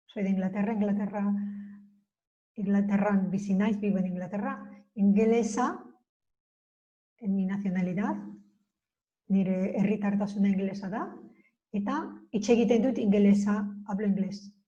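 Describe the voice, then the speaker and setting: A woman teaching a beginner Basque lesson in Spanish, slowly spelling out and repeating example phrases. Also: mid-range voice, fairly even intonation, warm tone, dull audio. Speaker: language teacher.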